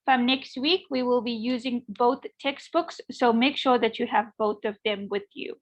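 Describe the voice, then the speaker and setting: A woman's voice: a little high, steady tone, moderate pace, rough recording. A woman lecturer giving an online class, encouraging students and often checking in with "okay?".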